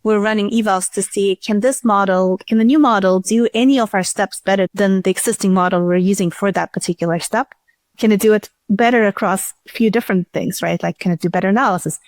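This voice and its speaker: She talks a little fast at medium pitch, her voice slightly mellow in a dry recording. As a startup CEO interview guest, she keeps her answers casual and chatty, with frequent sentence restarts and filler words.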